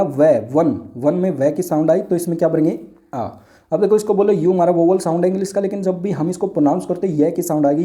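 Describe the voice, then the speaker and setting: Sharp, bright-voiced male grammar teacher. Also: fairly high pitch. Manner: explains step by step, asks and answers his own questions; reads example sentences slowly and drawn out. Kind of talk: classroom lesson.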